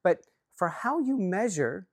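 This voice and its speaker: Lively earnest man coaching on leadership. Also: sits high, unhurried, no echo, studio quality. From Chicago. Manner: earnest, lively, self-reflective, with restarts. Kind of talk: talk to camera on workplace leadership.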